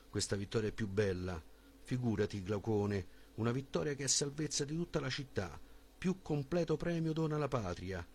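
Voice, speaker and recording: A man reading a philosophical dialogue as an audiobook in a measured, formal voice with a husky tone. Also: medium pitch. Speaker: audiobook reader.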